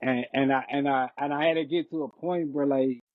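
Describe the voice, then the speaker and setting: A man's voice: mid-range voice, steady tone, fairly quick, no room sound. Emphatic man over a tinny, dry line. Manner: emphatic, heated storytelling with slang. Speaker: podcast co-host. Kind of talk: casual chat.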